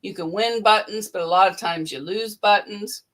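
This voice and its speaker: A woman hosting a casual sewing livestream, briskly reading out viewer names and bid amounts from the chat. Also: medium pitch, a bit bright. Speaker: livestream host. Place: indoor sewing room.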